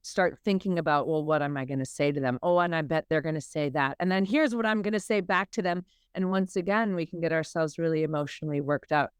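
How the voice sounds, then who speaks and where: Podcast guest: woman from Minnesota, lowish smooth voice, dry close mic, explanatory. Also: no echo. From Minnesota, USA. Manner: warm explanatory, acts out inner voices. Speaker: guest, emotional healing coach. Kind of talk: podcast interview.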